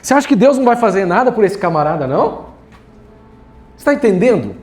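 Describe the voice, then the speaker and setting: A man's voice: sits high, sing-song, fast, a little mellow. A man preaching a sermon as pastor, casual and joking, talking straight to the congregation. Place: church hall.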